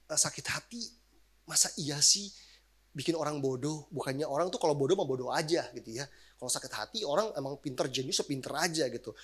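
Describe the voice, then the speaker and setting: A man, a pastor giving a casual sermon, animated and slangy in his asides. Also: a little high.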